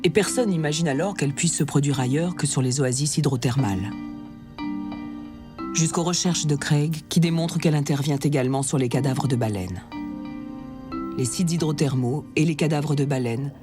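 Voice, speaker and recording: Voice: mid-range voice, moderate pace. A narrator reading a scripted nature documentary narration. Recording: music behind the voice.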